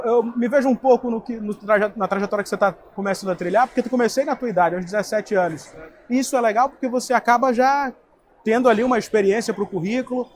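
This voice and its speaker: A man's voice: high voice, a little hiss or hum. A young man, interviewing a guest at a trade fair booth on a lapel mic. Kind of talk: event interview.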